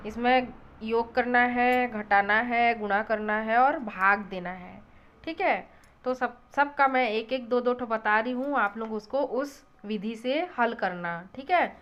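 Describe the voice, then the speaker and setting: A woman's voice: on the high side, clear, resonant tone. Woman teacher walking through decimal sums. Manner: counts digits aloud, checks in with "thik hai". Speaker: math teacher. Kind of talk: classroom math lesson. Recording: dull lo-fi recording.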